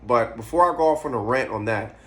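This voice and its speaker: A man's voice: medium pitch, brisk, sharp tone. A man in his twenties rambling and musing aloud in a casual vlog, swearing freely as he goes. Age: 20s. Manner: eating while talking. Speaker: vlogger. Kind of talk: casual monologue to camera.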